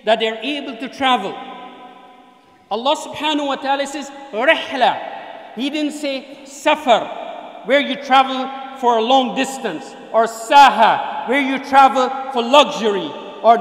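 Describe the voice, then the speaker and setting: A man's voice: very high voice, fairly bright tone. A middle-aged man giving a Friday sermon at a mosque, emphatic and gesturing, chanting Arabic verses between his points. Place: mosque prayer room, indoors. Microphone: desk mic on stand. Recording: echoey hall with long reverb.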